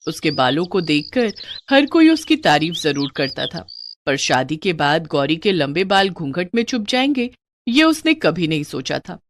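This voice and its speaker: A woman narrating a moral cartoon story in an even, clear way. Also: low voice, moderate pace.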